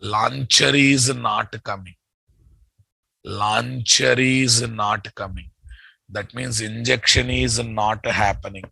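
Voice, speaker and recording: A man's voice: mid-range voice, steady tone, slow pace, gravelly, sharp tone, breathy edge, no echo, poor audio. A man with a Telugu Indian English accent teaches programming live, thinking aloud, repeating phrases and checking with his students through short questions and tags. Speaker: programming instructor.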